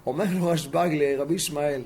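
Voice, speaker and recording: Male rabbi, Torah class; emphatic storyteller, gravelly tone, faint hiss in the background. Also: fairly high pitch, fairly even intonation, a little mellow. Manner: emphatic, fires rhetorical questions at listeners.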